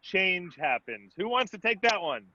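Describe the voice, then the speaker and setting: A man's voice: high-pitched, very animated, normal speed, pushed and bright, no room sound. A man hosting a video call and reading out viewer comments in an upbeat, jokey way. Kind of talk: casual chat. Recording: dull, dry sound.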